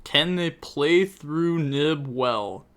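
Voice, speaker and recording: A man's voice: fairly high pitch, lively intonation, very slow, a bit bright. A young man casually commentating a card game tournament on a live stream, chatty and thinking aloud, repeating phrases and laughing often.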